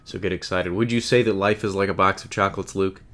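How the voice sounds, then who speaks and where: A podcast host with a deep, slightly bright voice talks quickly and fairly evenly as he chats about comic-book film news. The mood is casual, and he banters and jokes with his co-hosts.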